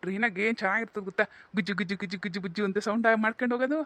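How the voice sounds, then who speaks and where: A gentle, doting village father. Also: sits high, very fast, no echo. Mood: coaxing. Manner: soft, coaxing.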